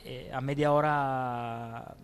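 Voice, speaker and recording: A man from Italy with an Italian accent, speaking Spanish as a guest in a casual interview, reflective and hesitant with frequent pauses. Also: medium pitch, fairly even intonation, clear, resonant tone.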